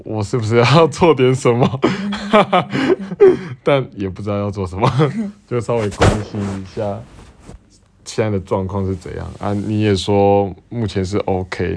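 A young man talks on a podcast in a very deep voice. His manner is relaxed and easygoing, and laughter comes easily. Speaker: podcast co-host. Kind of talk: casual chat.

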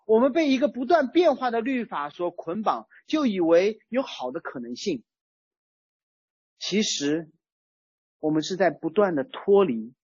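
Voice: medium pitch, darkish tone, slightly rough, dry recording, lo-fi sound. A preacher giving a sermon in a conversational way, using everyday examples. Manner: conversational, uses everyday chat-group analogies. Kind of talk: sermon on a psalm.

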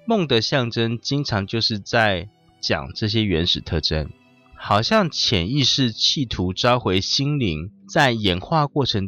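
A man's voice: lowish voice, bright, forceful tone. A man hosting a podcast who tells a story and reflects in a conversational, emphatic way. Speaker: podcast host. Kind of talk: storytelling monologue on dreams. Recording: muffled audio with faint music.

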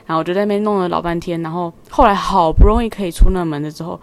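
A young woman with a Taiwanese Mandarin accent, co-hosting a podcast and telling a story in casual chat, lively and animated. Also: lowish voice, racing. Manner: lively, animated storyteller who acts out quoted voices. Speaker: podcast co-host.

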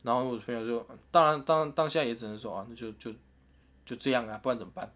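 A man's voice: mid-range voice, fast talker. A man, telling a story in a casual chat and acting out what people said. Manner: animated retelling with quoted voices and laughs.

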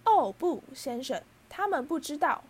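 A woman voicing a small servile male house-elf in a storybook reading, high and shrill, humbly calling everyone sir. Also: big pitch swings, measured pace. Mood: anxious. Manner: humble, keeps saying sir.

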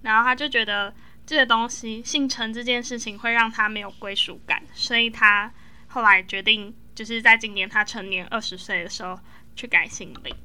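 A woman podcast host asking gentle, probing interview questions. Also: fairly high pitch, steady tone, moderate pace, smooth.

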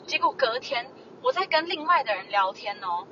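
A young woman, co-hosting a podcast and telling an exasperated, animated story while mimicking other people's voices. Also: fairly high pitch, normal speed. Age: early 20s. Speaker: podcast co-host. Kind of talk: casual chat, ranting storytelling. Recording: dull lo-fi audio with faint noise.

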